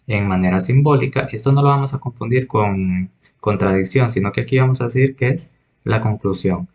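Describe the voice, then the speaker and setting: Male teacher, husky voice, methodical logic lesson, dull lo-fi audio. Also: mid-range voice, a little mellow. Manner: methodical, repeats and restates points.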